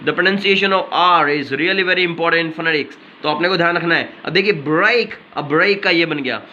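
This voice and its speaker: A man's voice: fairly high pitch, unhurried, sharp tone, lo-fi sound, slight background noise. A man teaching English pronunciation with an Indian English accent, explaining step by step and repeating each word, switching between Hindi and English. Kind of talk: pronunciation lesson.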